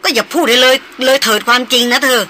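A woman reading an audiobook voices a spirited, sharp-tongued young woman who scolds and teases her companions. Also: on the high side, slight background noise. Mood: scolding. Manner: scolding, quick retorts.

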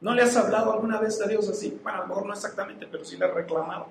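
A man preaching a sermon, animated, firing rhetorical questions at his listeners. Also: high-pitched, very fast. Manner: animated, rhetorical questions, acts out quoted voices. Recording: echoey hall, faint background noise.

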